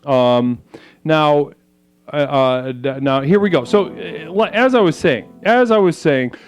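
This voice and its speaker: With faint music behind him, a man whose voice is on the high side speaks in an unhurried way as host of a mock spiritual livestream. Casting himself as a self-styled spiritual leader, he gives a rambling, mock-solemn comedic monologue full of stammers and crude remarks.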